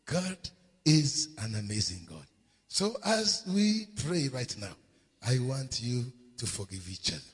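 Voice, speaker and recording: A middle-aged man preaching a sermon, emphatic and repetitive, with sudden shouts. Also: on the high side, slightly rough. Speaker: pastor. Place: church. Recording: long hall reverb in a church.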